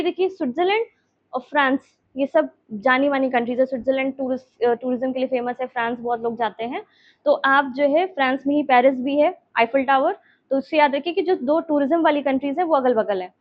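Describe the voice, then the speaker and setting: A woman's voice: high voice, brisk, lo-fi sound. A woman teacher explaining a map lesson, repeating names and checking in with her students.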